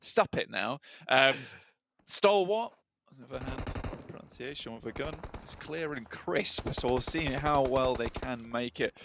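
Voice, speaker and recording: A man casting a live esports match, giving play-by-play commentary with quick, chatty banter. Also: medium pitch, vocal fry, a bit bright, slight background noise. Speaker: esports caster.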